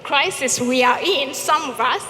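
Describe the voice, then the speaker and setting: A woman's voice: high voice, a little slow, bright, forceful tone. A woman answering as a panelist at a live community event, hesitant with many ums. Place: event stage. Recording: echoey hall reverb.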